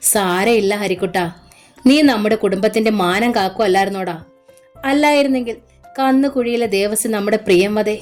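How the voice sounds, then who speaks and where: A woman's voice: mid-range voice, brisk, soft background music, close to an everyday voice. Storybook figure: kind older brother, tender and tearful, as a woman narrator puts him on. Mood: consoling. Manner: gentle, tearful. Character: older brother consoling, choked with tears.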